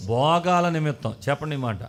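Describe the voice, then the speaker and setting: Pastor, male, high-pitched voice, emphatic call-and-response preaching. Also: lively intonation, a little fast. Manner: call-and-response preaching, mimics prayers, rising emphatic bursts. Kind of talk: sermon.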